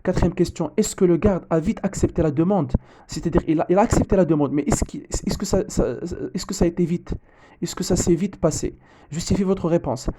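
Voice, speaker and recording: A man's voice: high voice, a little fast, background noise. Hesitant male teacher. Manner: hesitant, frequent fillers and restarts. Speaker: French teacher correcting an exam. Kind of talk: exam correction lesson, reading the text aloud.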